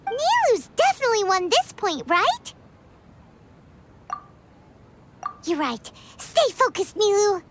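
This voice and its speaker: A woman voicing a tiny, eager, childlike fairy companion in a video game, with a squeaky voice. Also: huge pitch swings, normal speed, over loud music, full character voice. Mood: cheering. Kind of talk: video game story voice acting.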